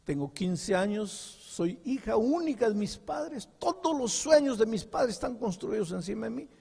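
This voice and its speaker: An older man preaching a sermon as a pastor, telling a story with dramatic dialogue and swinging from hushed to loud. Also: high voice, expressive, normal speed, gravelly, slightly rough, big-room sound. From Peru.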